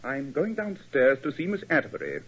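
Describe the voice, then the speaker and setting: Brief: Sherlock Holmes, measured and authoritative, lively husky delivery, lo-fi old radio. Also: male voice, on the high side, exaggerated voice. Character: Sherlock Holmes, cool, precise detective. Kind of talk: 1940s radio acting. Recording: lo-fi 1940s radio broadcast.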